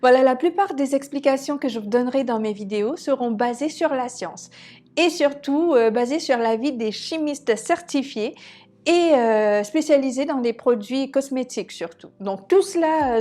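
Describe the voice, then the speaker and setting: A woman's voice: high-pitched, warm tone. A woman in her thirties from Mauritius introducing her hair care channel in a casual, chatty way, with frequent hesitations and small self-mocking laughs. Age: 30s. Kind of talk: casual vlog presentation.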